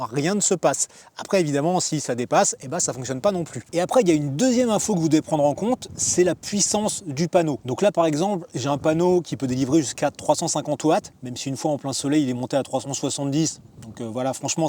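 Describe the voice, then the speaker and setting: A man's voice: fairly high pitch, a little fast, mellow. A man hosting a casual explainer vlog, chatty and joking, with lots of fillers. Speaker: van life vlogger.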